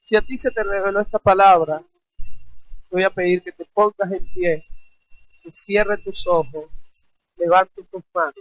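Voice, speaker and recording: A male pastor preaching with a high, ringing voice, recorded dry and close with almost no room sound. He drives his point with rhetorical questions and emphatic repetition. He calls on the congregation to say his lines back. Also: fairly even intonation, measured pace, pauses often, no room sound, muffled recording. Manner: exhorting, has the congregation repeat phrases. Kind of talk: sermon.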